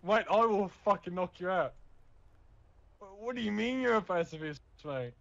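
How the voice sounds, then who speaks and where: A man playing a brash, hot-headed bloke who shouts threats in a roleplay. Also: high voice, lively intonation, normal speed, gravelly, dull audio, exaggerated voice. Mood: aggressive. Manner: loud, swaggering, threatening.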